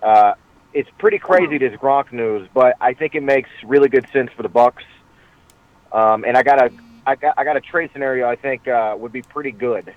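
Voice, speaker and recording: A man's voice: mid-range voice, moderate pace, no echo. A man from Boston calling in to a show over a clipped phone line, talking hesitantly with many filler sounds. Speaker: caller. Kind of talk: call-in chat. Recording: tinny dry phone line.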